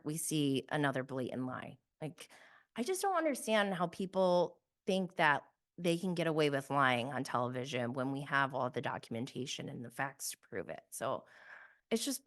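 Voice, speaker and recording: A deep-voiced woman with a fairly bright tone hosts a podcast, recapping reality TV casually and conversationally. She is opinionated and makes her points emphatically.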